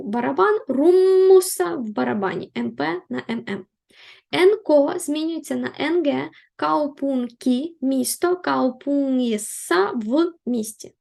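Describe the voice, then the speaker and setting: A woman language teacher explaining grammar rules, patiently repeating and rephrasing them and slowing down to spell out example words. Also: high-pitched, vocal fry, dark tone.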